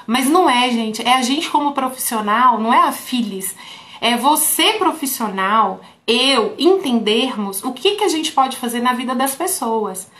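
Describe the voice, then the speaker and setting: A woman therapist with a slightly high voice coaches her colleagues in a relaxed, talky way, often turning to her viewers directly. The room around her is roomy and echoey. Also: unhurried. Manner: talks straight to viewers, often saying "folks". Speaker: therapist teaching other therapists. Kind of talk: casual teaching through a patient story. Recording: roomy echo.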